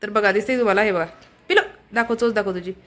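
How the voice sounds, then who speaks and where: Woman home vlogger from Konkan, mid-pitched, chatty, speaks to camera on a phone. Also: fast talker. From Konkan, Maharashtra. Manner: chatty, keeps calling viewers to look. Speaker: family vlogger. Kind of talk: casual vlog chat to viewers. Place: at home, in the kitchen.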